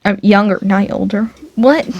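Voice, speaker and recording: On a dull, lo-fi recording from a dry home mic, a woman reads a fan-made dating sim aloud, rambling and tripping over words. Her medium-pitched voice moves at a normal speed, sounds a little mellow, and has no echo.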